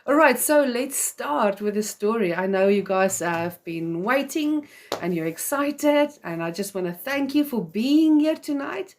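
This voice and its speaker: Pitched on the high side with lively intonation, she speaks at an unhurried pace. She's a South African whose mother tongue is Afrikaans, running a live video in English for mothers, chatty and earnest with many fillers.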